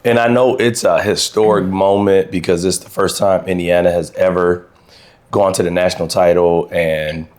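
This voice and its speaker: A middle-aged man co-hosting a podcast, his voice hoarse from yelling, telling the story in a relaxed, steady way while recording on location. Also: deep voice, moderate pace. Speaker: podcast co-host. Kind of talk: casual chat. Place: on location, not in a studio.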